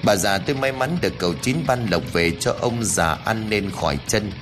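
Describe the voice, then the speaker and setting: Man doing a blunt driver in a spooky tale, loud, low voice. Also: animated, normal speed, music in the background, lightly acted. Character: middle-aged driver shouting over an engine.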